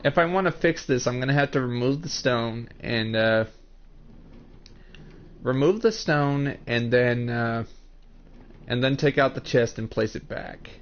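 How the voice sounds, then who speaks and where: Mid-range and measured, with long pauses, a twenty-something streamer commentates casually on his building game. He explains each step and calls out chat viewers by name, his lo-fi mic sounding muffled.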